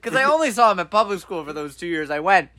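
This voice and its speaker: A man's voice: high-pitched, quick pace, dry recording, clean studio sound. A young man casually telling a funny story and acting out the dialogue in voices. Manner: animated, acts out dialogue in voices.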